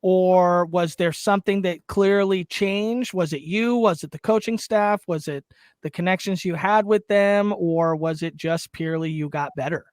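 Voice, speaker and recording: A man's voice: sits high, moderate pace, clear, resonant tone, dry recording, clean studio sound. A male podcast host in a casual interview, chatty and firing off several questions in a row.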